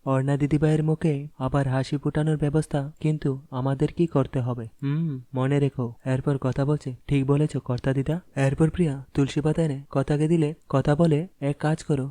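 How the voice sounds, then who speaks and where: Flat-voiced man recapping a serial. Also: on the high side, fairly quick, no room sound. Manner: reads every character's lines in his own voice without acting them. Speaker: narrator retelling a TV serial episode. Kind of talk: plain read-aloud recap narration.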